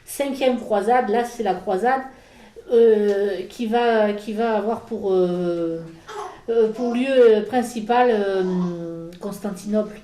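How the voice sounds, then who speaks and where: A woman explaining medieval history in a casual talk, halting with many fillers and restarts. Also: mid-range voice, dark tone, echoey room, rough recording. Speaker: speaker on a church history talk. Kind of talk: informal history lecture in conversation.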